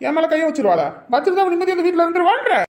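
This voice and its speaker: A woman playing a fast-talking henpecked husband. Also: very high-pitched, sing-song, a little mellow. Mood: teasing. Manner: teasing and grumbling. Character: joking henpecked village husband, teasing. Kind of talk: village comedy skit.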